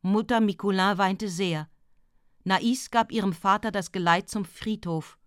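A woman's voice: medium pitch, measured pace, clean tone, no echo. Woman narrating a classic novella, dry sound. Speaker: audiobook narrator. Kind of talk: scripted literary narration.

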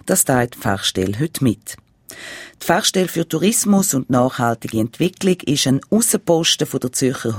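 A man's voice: mid-range voice, breathy edge, no echo. Swiss German man reading news, dry sound. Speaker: regional radio news presenter.

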